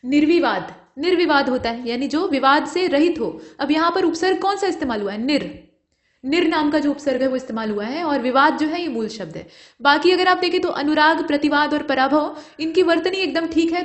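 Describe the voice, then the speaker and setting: A woman's voice: high-pitched, roomy sound. A woman teaching an exam-prep grammar lesson, patiently explaining each answer and putting rhetorical questions to her students.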